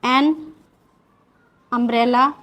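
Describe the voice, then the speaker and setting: A woman's voice: on the high side, fairly even intonation, very slow, a bit bright. A woman with an Indian accent teaching English grammar in a video lesson, asking questions and answering them herself.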